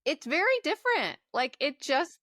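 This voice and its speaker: A woman's voice: sits high, very animated, moderate pace, a bit bright, dry recording, clean studio sound. A woman in her forties, a life coach, talking on a podcast in an enthusiastic, affirming way. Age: 40s. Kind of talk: casual conversation.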